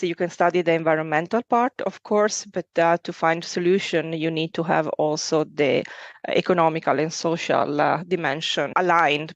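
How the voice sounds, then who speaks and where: A woman's voice: lowish voice, dry recording, lo-fi sound. A woman from Italy with an Italian accent, a project coordinator who is a guest on a podcast interview and talks thoughtfully, often stopping to search for words. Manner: thoughtful, with frequent fillers and restarts.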